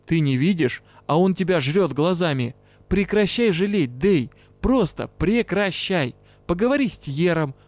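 A brash male dark elf with a gruff, no-nonsense way of talking, as a male narrator puts him on. He sits a little higher than the usual male voice and sounds close and dry, with faint music underneath. An audiobook character who teases and scolds in the same breath. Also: dry recording. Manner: gruff, teasing, bluntly scolding.

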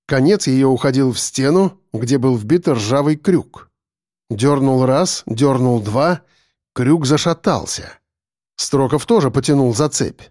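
A man narrating a first-person story as an audiobook, in an expressive, dramatic reading. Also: mid-range voice, slow pace, no room sound, clean studio sound.

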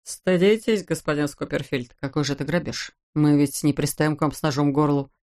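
An audiobook reader voicing a smooth-talking, mock-polite con man. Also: medium pitch, completely flat delivery, fast, warm tone, voice pushed down, lightly acted. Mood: mock reproach. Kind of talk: audiobook character voice.

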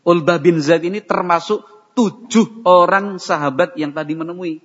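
A fairly high-voiced man preaches an Islamic study sermon. He tells stories, drops into phrases and chants Quranic verses. The recording is dull and carries a long hall reverb. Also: moderate pace, fairly bright tone.

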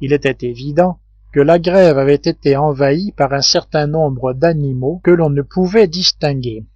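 Guy reading an old adventure novel, bit high voice, steady pace, dry dull recording. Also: normal speed, dry recording. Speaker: audiobook reader. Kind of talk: scripted narration.

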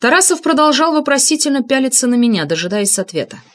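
A woman narrating a first-person audiobook in an even, measured reading style. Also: high voice.

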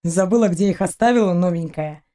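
A smug, soft-spoken alien spy, as a woman reads him in an audiobook. His voice sits low and dark, cool and unhurried, never raised. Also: lightly acted. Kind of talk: audiobook character reading.

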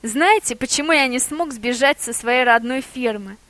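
A woman voicing a sly, bold male boar who talks in a lively, persuasive, theatrical way. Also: high voice, normal speed. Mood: cheerful.

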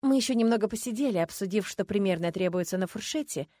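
Female audiobook narrator, first person, even delivery, dry close sound. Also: medium pitch, fast, no echo.

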